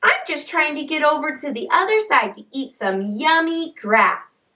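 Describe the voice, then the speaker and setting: Lady doing a nervous medium goat, high and shaky, lively storybook voice. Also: normal speed, far from the mic. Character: nervous middle-sized billy goat.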